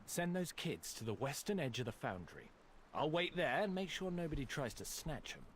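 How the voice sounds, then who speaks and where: A brisk, lively-pitched game ally giving orders. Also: male voice, a little hiss or hum. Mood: commanding. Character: male game ally guarding rescued kids. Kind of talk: video game voice acting.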